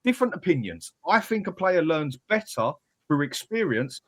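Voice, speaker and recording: A man with a fairly high voice argues in a casual football debate. He is blunt and mildly sweary. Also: sing-song, moderate pace.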